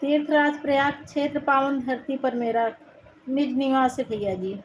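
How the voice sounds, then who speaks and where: At a moderate pace and steady tone, a high-voiced woman from Uttar Pradesh, India, runs a casual live chat, thanking viewers individually and warmly calling them brother as she reads their comments. Her Hindi carries an Awadhi tinge, and the rough recording has a little hiss or hum.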